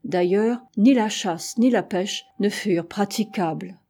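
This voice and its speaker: A woman narrates a novel as an audiobook. Her voice is mellow and dark, and her reading is steady and measured. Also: mid-range voice, faint music behind. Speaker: audiobook reader.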